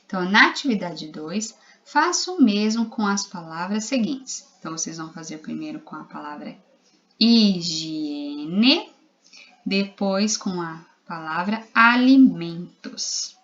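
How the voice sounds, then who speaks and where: A woman's voice: on the low side, creaky, a bit bright, lo-fi sound. A woman primary school teacher with a Brazilian Portuguese accent, giving a recorded literacy lesson to young children, spelling out letters and syllables patiently.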